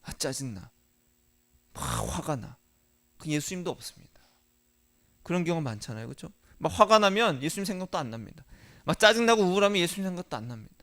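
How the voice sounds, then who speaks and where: A male pastor delivering a Sunday sermon, asking the congregation rhetorical questions and moving between soft, quiet lines and emphatic ones. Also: high voice, sing-song, quick pace.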